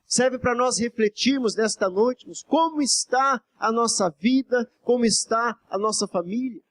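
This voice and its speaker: A male pastor preaching with a strikingly high voice, far above most men. He exhorts the congregation fervently, pressing his questions and repeatedly calling on the brothers. It is a live sermon in church before the faithful. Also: normal speed, fairly bright tone. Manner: constantly addresses "brothers" and asks for amens.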